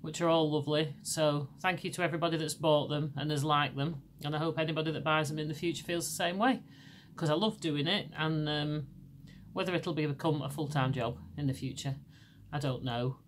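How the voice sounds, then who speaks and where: With a Lancashire accent, this middle-aged English podcast host chats casually at a fairly quick pace and a steady tone, over slight background noise. Laryngitis has left her deep voice hoarse, and she rambles, restarting a lot.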